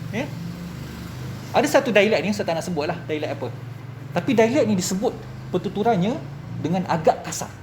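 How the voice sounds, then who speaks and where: A man with a Malaysian Malay accent, a religious teacher giving a classroom lecture, lively and full of rhetorical questions to his students. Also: sits high, fairly quick, long pauses, noisy background.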